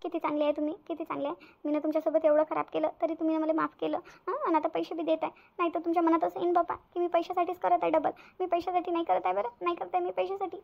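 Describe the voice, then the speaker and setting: A woman's voice: very high voice, level tone, racing, vocal fry, lo-fi sound. A woman voicing a scheming young wife in a cartoon, sly and whiny, pleading with fake tears. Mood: wheedling. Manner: wheedling, fake-tearful pleading. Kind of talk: cartoon voice acting.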